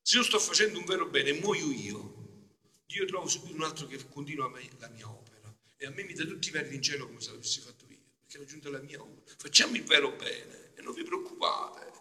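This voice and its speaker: A man, a friar, preaches a homily with a bright, piercing tone and a lively, swooping pitch. He swells to loud emphasis, then drops to quiet conversational asides. The long church reverb trails after each phrase. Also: quick pace. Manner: emphatic, keeps asking the congregation "no?".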